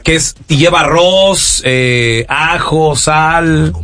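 A man's voice: a little high, very slow, a bit bright, soft background music. A man with a Mexican accent hosting a call-in radio show, playful and teasing with his callers. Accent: Mexican Spanish. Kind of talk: lively call-in radio banter.

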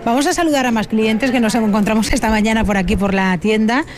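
A woman hosting live radio from inside a large store, chatty and lively, laughing often. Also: a little high, fast. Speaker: radio host. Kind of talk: live radio chat on location.

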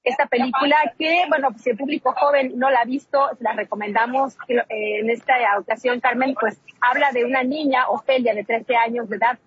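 Husky woman reporting over a laptop-speaker line. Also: fairly high pitch, fairly even intonation, a little fast, few pauses, no echo. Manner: chatty, many fillers and restarts. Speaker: news correspondent. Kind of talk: live news report by remote link. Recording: muffled, lo-fi call line.

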